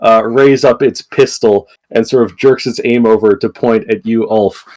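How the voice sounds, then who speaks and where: A man's voice: on the low side, fairly even intonation, moderate pace, darkish tone, muffled recording, a little hiss or hum. A man running a tabletop game as game master who describes scenes hesitantly, with lots of fillers. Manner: hesitant with many fillers, giggly.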